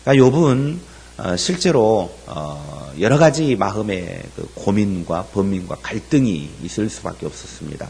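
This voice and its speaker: Man, pastor, sermon on scripture, low voice, husky, slow and deliberate, hesitant fillers. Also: lively intonation, darkish tone.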